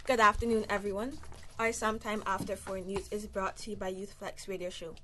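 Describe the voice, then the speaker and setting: A woman's voice: medium pitch, fairly even intonation, fairly quick, a bit bright, faint music behind, poor audio. Woman reading youth news. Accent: Caymanian.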